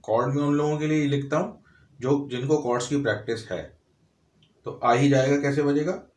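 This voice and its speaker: A man's voice: medium pitch, steady tone, normal speed, echoey room, noisy background. A man teaching a piano lesson, explaining step by step, counting and naming notes aloud. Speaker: music teacher. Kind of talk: piano tutorial.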